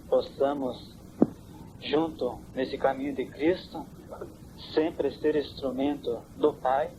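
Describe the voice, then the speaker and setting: Interviewer, man, formal and courteous, heard on worn old cassette tape with steady hiss. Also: mid-range voice. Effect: hissy, worn old cassette tape. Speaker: priest interviewer.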